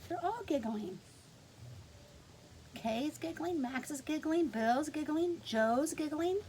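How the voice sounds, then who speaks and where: A woman reading a picture book aloud to young children, gently explaining words and adding asides. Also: high-pitched, expressive, slow pace, a little hiss or hum.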